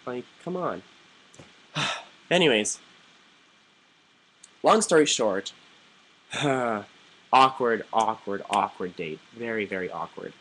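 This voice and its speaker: A man's voice: fairly low pitch, slow, pauses often, poor audio. Chatty young man telling a story. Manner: chatty, animated, quoting others in lively put-on voices, frequent "like". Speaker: vlogger. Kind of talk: casual storytelling to camera.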